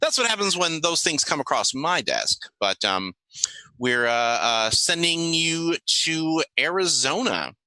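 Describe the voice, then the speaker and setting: A man voices a female government agent leading a briefing in a tabletop game, his delivery halting, wry and businesslike with dry jokes. He pushes his voice up to a fairly high, exaggerated pitch that is very animated, very bright and forceful. The close, dry recording has no room sound but poor audio quality.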